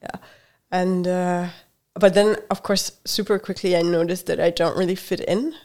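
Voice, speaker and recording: A woman from Hungary chats as an interview guest in a lowish voice. She talks hesitantly, with lots of fillers and small laughs, and sounds tired after a short night. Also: steady tone, normal speed, darkish tone. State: tired from little sleep. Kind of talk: casual interview chat.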